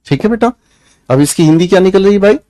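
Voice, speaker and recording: Young indian guy teaching english grammar in hindi, highish voice, keeps asking the class stuff, dry close sound. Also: expressive, fast, mellow, dry recording. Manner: calls students "beta", asks the class questions, firm and preachy. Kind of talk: online class lecture.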